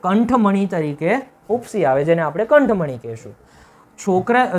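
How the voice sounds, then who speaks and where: A male teacher gives a classroom-style video lesson. He keeps asking questions and answering them himself, and often checks with "right?". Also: high voice. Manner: repetitive, emphatic, checks with "right?".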